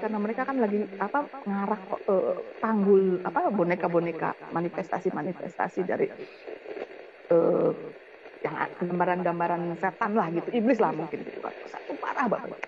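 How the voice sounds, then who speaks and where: A woman's voice: mid-range voice, highs cut off. A woman giving an emotional personal testimony to a congregation, often turning to address her listeners directly.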